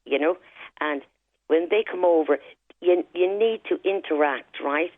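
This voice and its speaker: Over a tinny telephone line, a middle-aged Irish woman calls in to a radio show, her low voice unhurried and the recording dry. She speaks emphatically, frequently adding "right?" and "you know".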